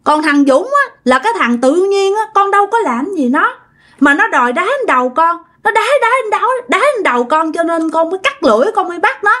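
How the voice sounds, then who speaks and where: A woman voicing the ghost of a wronged young woman, pleading in a high, tearful wail. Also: sing-song, moderate pace. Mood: aggrieved.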